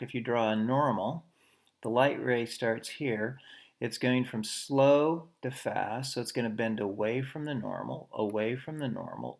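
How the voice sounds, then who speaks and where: A man teaching a physics lesson while drawing diagrams, talking conversationally, often saying "okay" and quickly correcting himself. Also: mid-range voice, vocal fry.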